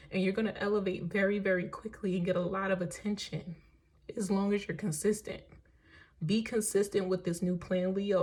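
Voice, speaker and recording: A woman's voice: mid-range voice, a little mellow. A woman giving a casual, emphatic tarot reading, encouraging and frank, checking in often with "right?" and "okay?" and swearing now and then. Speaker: tarot reader.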